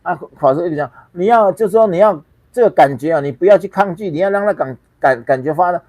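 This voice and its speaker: A man's voice: high-pitched, quick pace, a little mellow, no room sound. A man with a Taiwanese Mandarin accent hosting a livestream, blunt and scornful, swearing freely and repeating himself in emphatic bursts. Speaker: livestream host. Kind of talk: ranting livestream commentary.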